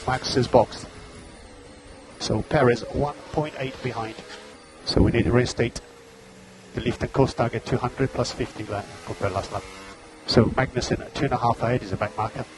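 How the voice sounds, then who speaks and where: A man's voice: medium pitch, fairly even intonation, moderate pace, pauses often, noisy background. A man working as race engineer, giving terse, clipped pit radio calls over a team radio link, repeating gaps and status updates. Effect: team radio transmission.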